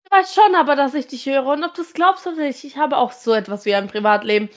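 Woman reading resentful female detective, reproachful, defensive, very high voice. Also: fast, natural voice.

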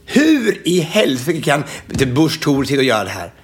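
A man's voice: on the high side, huge pitch swings. A man co-hosting a casual chat, exasperated and sarcastic, repeating his points. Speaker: podcast co-host.

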